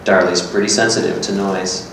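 Reading one part of a two-person literary script on stage, a man plays a matter-of-fact, musing character in a voice close to his everyday one: low, fairly even in intonation, at a moderate pace. The hard walls of the gallery room make it echoey, and the distant stand microphone picks up faint noise.

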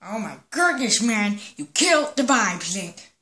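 A woman voicing an excitable young male hero who leads a team, talking fast and awkwardly in a homemade toy play. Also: mid-range voice, background noise. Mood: eager.

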